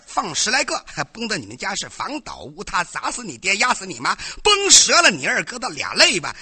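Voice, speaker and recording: A man, a comic stage performer firing back gruff, blustering rhymed comebacks. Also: high-pitched, bright, forceful tone.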